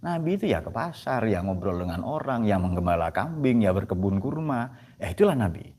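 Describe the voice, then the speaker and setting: A man giving a lively classroom lecture, joking and asking "ya kan?" after his points. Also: on the low side, a little fast. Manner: animated, joking, asks "ya kan?" often. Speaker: teacher of philosophy at a pesantren.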